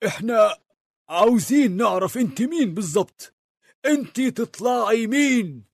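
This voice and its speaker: A man playing a high, husky old grandfather. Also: animated, moderate pace, no room sound, clean studio sound. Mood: questioning. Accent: Egyptian Arabic. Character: cheerful elderly Egyptian grandfather, fond of family.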